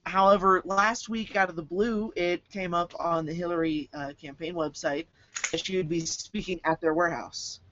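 A man's voice: high-pitched, steady tone, moderate pace. A man co-hosting a casual podcast chat, joking and laughing often. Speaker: podcast co-host. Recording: dull lo-fi podcast audio with hiss.

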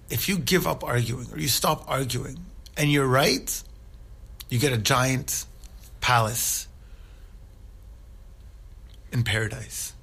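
A man's voice: mid-range voice, gravelly, fairly bright tone, husky. A man giving an informal religious talk, earnest and conversational, who often checks in with his listeners. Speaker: Islamic speaker.

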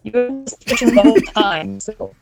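Woman on a glitchy call, voice going all clangy and robotic, kinda high. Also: sing-song, moderate pace, over loud music. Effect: glitchy robotic distortion from a breaking-up call connection. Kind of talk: casual chat.

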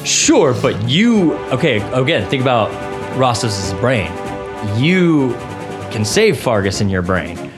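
A man narrates a tabletop game as its game master in a mid-pitched voice. He is casual and halting as he improvises, with music playing behind him. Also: sing-song.

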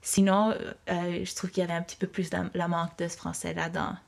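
A woman's voice: on the low side, little pitch movement, fairly quick, vocal fry. A young woman from Mexico answering interview questions in a hesitant, reflective way, with many fillers and restarts.

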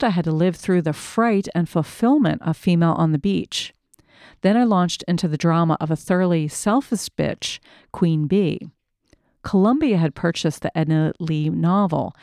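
Woman reading a memoir, low and mellow. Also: no room sound, studio quality. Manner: measured, reflective storytelling. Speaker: narrator. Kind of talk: first-person memoir reading.

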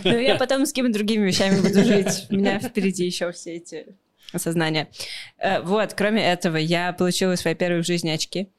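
A woman in her late twenties co-hosting a podcast in casual chat, lively and teasing. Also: on the low side, fast. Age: late 20s. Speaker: podcast co-host.

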